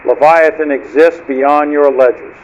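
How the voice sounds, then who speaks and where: An actor playing a cold, menacing male rogue submarine commander who speaks in a measured, declamatory way over marine radio. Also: on the high side, fairly even intonation, dull audio, a little hiss or hum.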